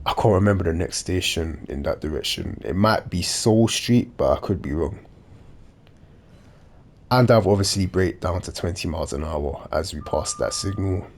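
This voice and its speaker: A man with a blocked nose giving measured, matter-of-fact game commentary, sounding nasal and a bit dopey. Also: low-pitched, a little mellow. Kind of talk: measured instructional gameplay commentary.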